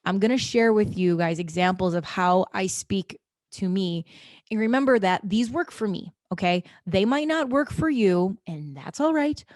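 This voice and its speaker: A woman's voice: medium pitch, expressive, normal speed, a little mellow, no echo, clean studio sound. A woman hosting her own podcast, talking casually and encouragingly to listeners, often checking in with "okay?" and "guys". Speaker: podcast host. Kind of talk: casual motivational monologue.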